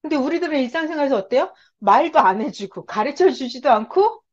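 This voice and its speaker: A woman Bible teacher giving an animated Bible study lesson, often putting questions to her listeners. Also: sits high, fairly quick, lo-fi sound. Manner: animated, asks the audience frequent rhetorical questions.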